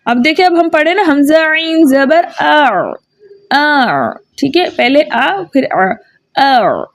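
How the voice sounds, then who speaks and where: High-voiced woman teaching Quran recitation. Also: lively intonation, slow pace. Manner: patient, repeats each sound twice, checks with "theek hai". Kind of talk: tajweed lesson with drilled letter sounds.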